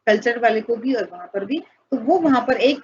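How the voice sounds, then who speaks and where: A woman's voice: fairly high pitch, moderate pace, a little hiss or hum. A woman teacher giving an online class lecture, explaining step by step with examples and mixing English words into her talk. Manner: mixes English words into Hindi; addresses students fondly as children. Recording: dull, muffled audio.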